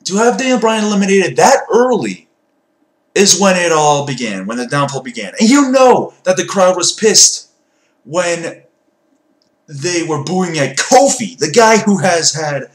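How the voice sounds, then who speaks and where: A man with a slightly high, very animated voice rants in exasperation, hitting words hard and swearing in outbursts. The sound is roomy and echoey, like an opinion vlog. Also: measured pace. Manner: exasperated, profane, emphatic ranting with outbursts. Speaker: wrestling fan giving an opinion rant. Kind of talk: ranting vlog commentary.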